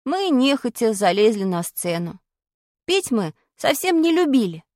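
A woman reads a children's story aloud as narrator, telling it expressively. Her voice sits high and swings widely in pitch. The recording is dry and close, with no room sound. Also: sing-song, a little slow, darkish tone, dry recording.

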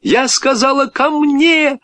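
A man voicing a timid, frightened little girl in a storybook, with a high plaintive voice. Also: fairly even intonation, slow, sharp tone, no echo, full character voice. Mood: pleading.

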